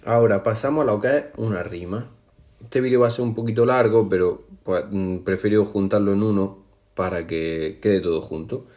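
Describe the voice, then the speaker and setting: A man teaching a language lesson in a patient, explanatory way, counting syllables aloud slowly and speaking to his students directly. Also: on the low side, a little mellow. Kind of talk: classroom explanation over slides.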